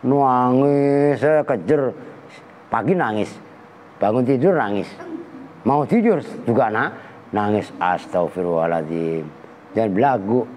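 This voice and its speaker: A male teacher at an Islamic boarding school giving a kitab lesson, joking animatedly, mimicking animal sounds and chanting Arabic slowly. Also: medium pitch, animated, a little mellow. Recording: long reverb with faint ambient noise.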